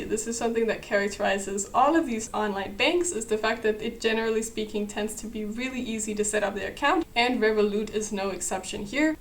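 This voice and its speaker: A woman from Denmark whose first language is Danish, hosting a channel with clear, methodical, conversational explanations. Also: on the high side. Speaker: channel host. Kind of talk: explainer video.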